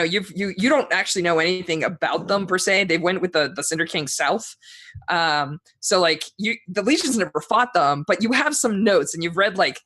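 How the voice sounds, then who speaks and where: A man's voice: high voice, bright, forceful tone. A man running a tabletop game as game master, narrating in a loose, rambling way with many fillers and restarts.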